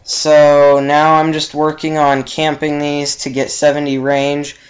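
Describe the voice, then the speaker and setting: A man's voice: a little high, measured pace, muffled recording. A young man giving casual, rambling commentary over his own gameplay, with lots of ums. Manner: relaxed and rambling, many ums. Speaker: game channel host.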